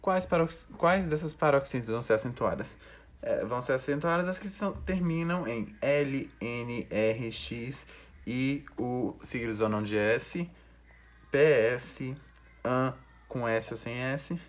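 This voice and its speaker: A man's voice: mid-range voice, a little slow. Man explaining a grammar lesson. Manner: explanatory, repeats and restarts words. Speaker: teacher. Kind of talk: recorded online lesson.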